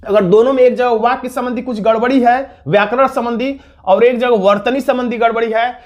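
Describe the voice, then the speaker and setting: A man's voice: extremely high pitch, fairly even intonation, a little fast, a little mellow. A man teaching an exam-prep grammar lesson, explaining patiently and repeating his key points.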